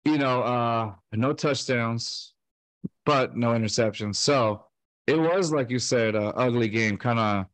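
On a home video call, a co-host in his thirties loosely discusses sports for a fan podcast, full of fillers and restarts. He uses a studio mic on a stand along with a headset, and the recording is dry. His mid-range voice is fairly bright and unhurried.

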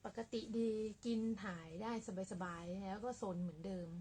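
A woman vlogging casually about her cats in a small apartment room, talking softly and quietly in a relaxed, rambling way. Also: mid-range voice, normal speed, slight background noise. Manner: speaks softly and quietly to avoid disturbing neighbours; rambling and relaxed with many fillers. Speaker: cat owner vlogger. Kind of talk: casual chat to camera.

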